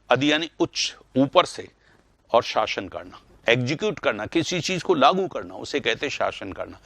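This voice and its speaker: A man teaching Hindi grammar in a live online class, calling students by name, repeating words and getting loud when he corrects them. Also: mid-range voice, no echo. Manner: animated, rising sharply when correcting.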